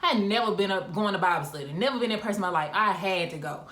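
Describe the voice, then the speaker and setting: A woman's voice: medium pitch, rapid-fire. Young woman telling her story, roomy echo. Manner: candid, animated storytelling with asides and laughs. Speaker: vlogger. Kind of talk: casual storytime chat. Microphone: phone camera.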